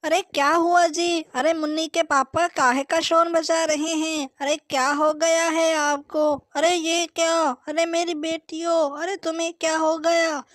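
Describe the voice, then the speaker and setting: A woman's voice: extremely high pitch, level tone, measured pace, few pauses, no echo. Anxious doll-story mother, dry close sound; woman voices. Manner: fretful, exclaiming.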